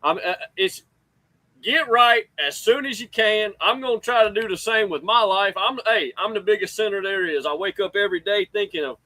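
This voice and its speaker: A man with a Southern US accent hosting a sports show in casual, folksy talk, excitable and rambling. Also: sits high, normal speed, no room sound, poor audio.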